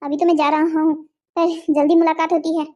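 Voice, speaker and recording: A woman's voice: extremely high pitch, flat delivery, brisk, dark tone, lo-fi sound. A woman voicing a swaggering male kidnapper with a sword in a cartoon story, talking in taunting, sneering threats.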